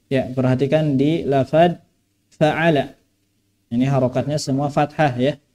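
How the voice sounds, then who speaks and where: A man's voice: medium pitch, steady tone, a little slow, dark tone. A man teaching Quran recitation in a mosque, drawing out phrases and patiently correcting pronunciation. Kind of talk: tajweed lesson with recitation.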